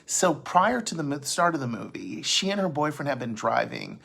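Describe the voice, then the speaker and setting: A man's voice: fairly high pitch, very animated, normal speed, creaky, fairly bright tone, husky. A man casually recapping a film's plot for his vlog audience, rambling, often restarting sentences and adding asides. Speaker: vlogger recapping a film.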